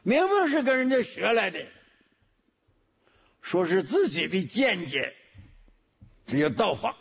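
A man preaches a Buddhist sermon in a slow, deliberate delivery, humming between phrases and going back over his key words. His voice sits high and swings widely in pitch, with a husky edge. It comes through a thin, phone-like recording. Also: very animated. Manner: slow, measured teaching with frequent hums and repetitions. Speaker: Buddhist teacher.

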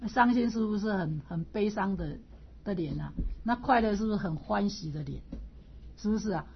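A woman's voice: mid-range voice, husky, muffled recording. A woman teacher explaining a classical text in a storytelling lecture style, repeating points and chuckling now and then.

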